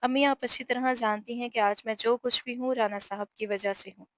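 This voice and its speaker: A woman's voice: fairly high pitch, fairly even intonation, a little fast, a bit bright, dry recording, clean studio sound, close to an everyday voice. A woman voicing a serious young male police officer who is a dutiful son, earnest and pleading in a storybook reading. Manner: earnest, pleading with his mother.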